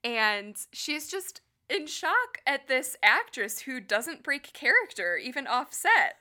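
A woman's voice: a little high, bright, forceful tone. A woman co-hosting a casual book chat, amused and giggly as she describes a book. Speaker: podcast co-host.

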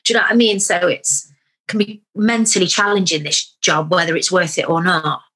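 A young woman talks candidly about her acting life, her voice bright and clear. She rambles a little, restarts her sentences and pokes fun at herself. The tone is an easygoing interview chat. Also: lowish voice, fairly quick. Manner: chatty, candid, self-deprecating storyteller. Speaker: actor.

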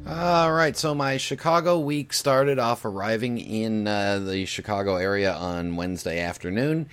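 A man with a low, gravelly voice talks as the host of a casual radio-style show. His delivery is folksy and halting, like an informal monologue to regular listeners. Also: faint music behind.

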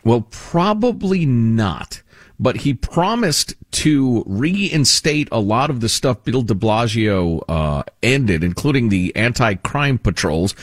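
Sarcastic, animated talk show host, a man. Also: mid-range voice, no room sound, clean studio sound. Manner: sarcastic and animated, with frequent restarts. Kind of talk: opinionated talk radio commentary.

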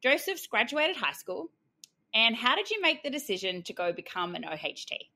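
A woman's voice: a little high, very animated, normal speed, bright, forceful tone. A woman hosting a casual podcast interview, a dental hygienist with a bubbly, jokey manner who laughs often.

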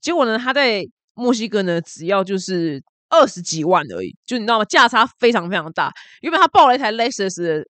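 A woman's voice: medium pitch, sing-song, brisk, hardly any pauses, fairly bright tone, no echo. A woman from Taiwan with a Taiwanese Mandarin accent, hosting a casual news commentary podcast in a chatty, exclamatory way, dropping in English words. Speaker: podcast host.

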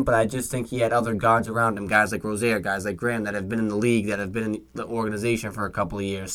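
Young dude talking nba awards, mid voice, dead dry mic, keeps saying you know what i mean. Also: male voice, medium pitch, a bit bright, dry recording. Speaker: podcast co-host. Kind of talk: casual sports chat.

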